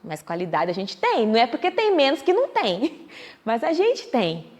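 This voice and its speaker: A Brazilian woman gives a public talk in the meeting hall of a Spiritist center, telling a story and acting out other people's words. Her voice is a little high and darkish, swinging hugely in pitch at a normal speed, and the hall echoes.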